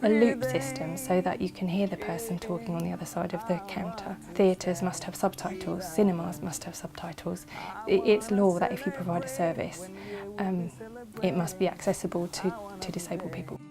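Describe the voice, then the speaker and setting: Interviewee, woman, firm and flat, gravelly, clear music behind her. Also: on the low side, moderate pace. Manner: firm, explanatory.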